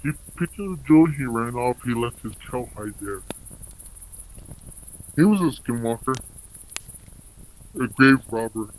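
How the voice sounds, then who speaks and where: A man's voice: mid-range voice, animated, unhurried, long pauses, poor audio. An anonymous man telling stories in a rambling, casual way, his voice electronically altered to disguise it. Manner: rambling, filler-heavy, many "like"s. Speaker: anonymous storyteller. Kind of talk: casual storytelling.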